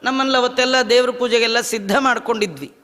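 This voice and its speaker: A man giving a devotional discourse, telling stories in a lively way, chanting verses and acting out dialogue. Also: extremely high pitch, fast talker. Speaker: religious discourse speaker. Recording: long hall reverb.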